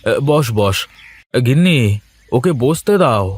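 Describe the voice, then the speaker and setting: A man voicing a poor injured husband who speaks gently and apologetically in a cartoon story. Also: medium pitch, animated, slow. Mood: weary. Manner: weary, gentle. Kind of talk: animated cartoon voice acting.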